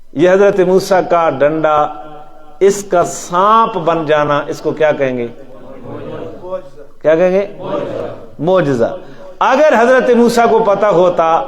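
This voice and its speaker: High-voiced preacher chanting verses. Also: male voice. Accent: Pakistani Urdu. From Pakistan. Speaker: mosque preacher teaching Quran. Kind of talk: Quran lesson sermon. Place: mosque.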